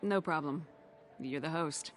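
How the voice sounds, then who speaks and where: An actress voicing a composed female commander in a video game, speaking calmly and dryly. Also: sits low, a little slow, a little hiss or hum.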